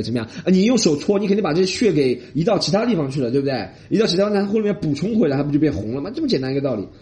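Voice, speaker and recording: A male comedian with a Mandarin Chinese accent runs a casual, joking monologue on his podcast. His voice is mellow and warm, and his pitch swings widely. He drops English phrases in and mocks other people's voices. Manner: animated, mixes English phrases, mocking voices.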